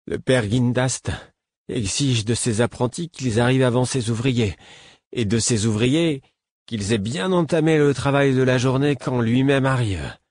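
A man's voice: medium pitch, a little slow, darkish tone, no echo, pitched above the performer's own voice, natural voice. A man voicing a tipsy, overjoyed young man in love, talking in an eager, exuberant way in a storybook reading. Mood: sobered.

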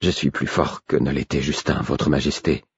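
A man doing a tired mage who stays calm under pressure. His voice is low, soft and husky, dropping lower as he goes on. It sits close and dry, with a slightly dull sound. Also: slow pace, no room sound, heavily acted. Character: calm, weary male mage.

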